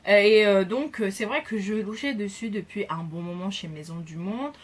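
Young female beauty vlogger, chatty and bubbly, mid pitch, pauses a lot mid-sentence, recorded at home. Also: slightly rough. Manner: chatty and enthusiastic, hesitant pauses. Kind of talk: casual gift haul chat.

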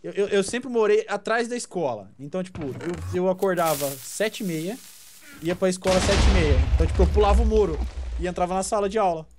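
A man's voice: high-pitched, a little fast, noisy background. A man chatting over a game, stammering and defensive. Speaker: gaming friend. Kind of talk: casual gaming chat.

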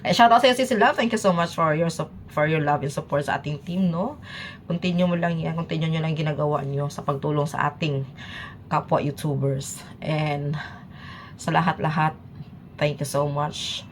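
A woman from the Philippines talks through a reaction video in a low, easygoing voice. She chats and laughs as she goes, switching between Tagalog and English. A faint background noise sits under her talk. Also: normal speed. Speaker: YouTube reaction vlogger. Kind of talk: casual reaction chat.

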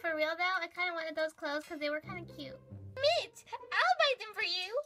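Female, very high voice, melodramatic toy play-acting, music underneath. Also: expressive, moderate pace. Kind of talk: toy play-acting, voicing several figurine characters.

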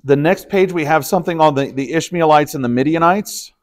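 A man's voice: fairly high pitch, brisk. A man, a pastor, leading an informal Bible study, explaining in a conversational way with frequent fillers and restarts. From Texas. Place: church study room.

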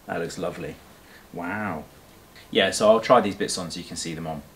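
A man hosting a vlog, talking in a relaxed, conversational way. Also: low-pitched, moderate pace. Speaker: vlogger host. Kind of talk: casual chat.

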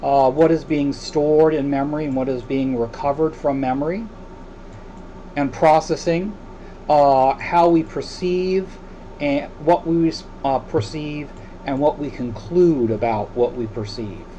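A man's voice: fairly high pitch, measured pace, warm tone, muffled recording, a little hiss or hum. A man lecturing, explaining ideas step by step with frequent hesitant filler sounds and restarts. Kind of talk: recorded lecture.

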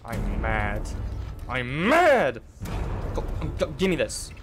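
A man streaming a video game, giving casual, crude commentary with goofy loud outbursts. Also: medium pitch, wildly swooping pitch, slow, background noise.

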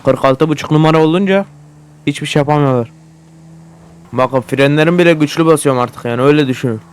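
A man narrates his gameplay in loose, casual commentary, swearing freely and flaring into excitable shouts at whatever happens on screen. His voice sits a little high and stays smooth and clean throughout. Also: fast. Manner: profane, excitable, often yelling at the game. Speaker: gaming YouTuber.

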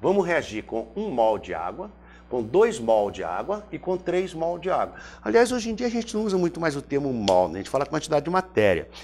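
A man's voice: fairly high pitch, big pitch swings, fairly quick, darkish tone. A Brazilian man teaching chemistry in a chatty classroom lecture. He asks himself questions by name and repeats each step aloud. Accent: Brazilian Portuguese. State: throat briefly irritated.

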